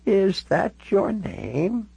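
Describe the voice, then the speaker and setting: A gentle, confused old Canadian woman of ninety-six drifts through her words in a high, slow, quavering voice, as a man reads her in an audiobook. The sound is husky and dry, close to the mic. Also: very animated, no room sound, heavily acted. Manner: drawn-out, wandering speech. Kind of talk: audiobook character voice.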